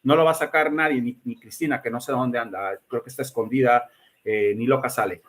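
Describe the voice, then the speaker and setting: A man's voice: mid-range voice, steady tone, brisk, a bit bright. A man hosting a casual livestream, talking emphatically, repeating himself and greeting viewers by name. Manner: emphatic, repeats words and restarts often. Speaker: livestream host giving predictions.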